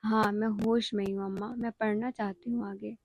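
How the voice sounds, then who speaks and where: A woman voicing a stubborn, tearful young daughter who pleads softly. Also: mid-range voice, flat delivery, no room sound, close to an everyday voice. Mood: pleading. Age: young adult.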